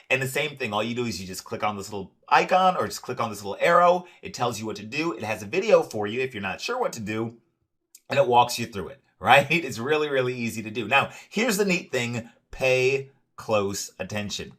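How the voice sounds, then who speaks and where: A man giving an upbeat, salesy screen-share walkthrough of a software dashboard, often adding "right?" and filler "uh"s. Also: medium pitch, sing-song, brisk. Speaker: product demonstrator.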